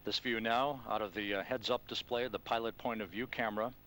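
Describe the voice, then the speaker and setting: A man giving measured, factual live commentary as a mission announcer, in telegraphic phrases. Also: fairly low pitch, steady tone, fairly bright tone.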